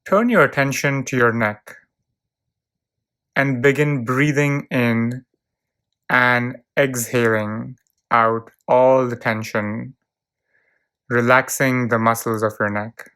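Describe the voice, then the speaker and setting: Short, calm phrases drift out one at a time, spaced by long pauses, as a narrator reads a relaxation script. The voice is clean, smooth, and medium in pitch, and the guided visualization is delivered very slowly and soothingly.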